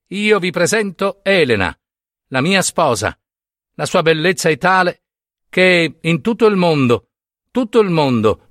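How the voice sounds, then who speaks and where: A man's voice: a little high, a bit bright, no room sound, clean studio sound. A man playing a proud young prince giving a ceremonious speech to his family.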